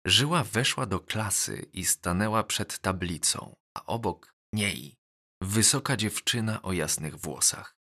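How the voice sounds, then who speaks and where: A man narrating a novel as an audiobook, measured and even. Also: lowish voice. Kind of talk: scripted narration.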